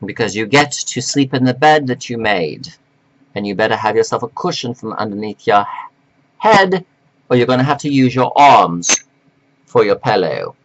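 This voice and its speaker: A man delivering a slow, preachy, scolding monologue to men, reading from notes with sudden jumps in pitch. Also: expressive, poor audio. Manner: reads from notes. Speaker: self-styled life coach addressing men. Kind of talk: lecturing monologue to camera.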